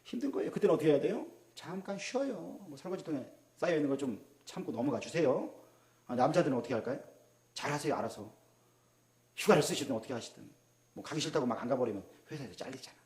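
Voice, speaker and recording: A Korean man preaching as a pastor, swinging between loud exclamations and hushed asides and asking the congregation questions. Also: on the high side, expressive, quick pace. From South Korea. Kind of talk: sermon. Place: church sanctuary. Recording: roomy echo of a church hall.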